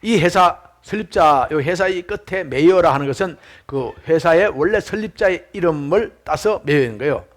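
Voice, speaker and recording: A man preaching a sermon as pastor, telling stories with lively acted-out quotes. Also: fairly high pitch, normal speed, few pauses. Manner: animated storytelling, acts out shouted quotes.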